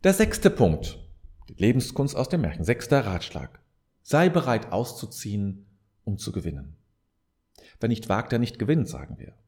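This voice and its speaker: Addressing the listener head-on, a male podcast host delivers reflective advice with the earnest fervor of a preacher, hammering key phrases through repetition. His fairly low voice is very animated yet a little mellow, moving at a moderate pace.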